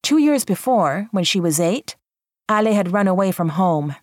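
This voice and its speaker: A woman narrating a first-person memoir audiobook in a measured, even storytelling manner. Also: medium pitch, dry recording, studio quality.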